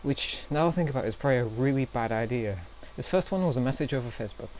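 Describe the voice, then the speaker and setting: A man's voice: mid-range voice, quick pace, a little mellow, a little hiss or hum. Chatty young man telling stories. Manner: chatty and self-deprecating, with nervous fillers. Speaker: vlogger. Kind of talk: casual storytelling vlog.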